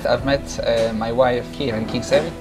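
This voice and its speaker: A man's voice: medium pitch, steady tone, moderate pace. A man in his thirties with a Swiss accent, chatting in an interview as a cafe owner and chef. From Switzerland. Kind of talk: interview chat. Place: indoors in a cafe. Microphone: lapel mic. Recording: music behind the voice.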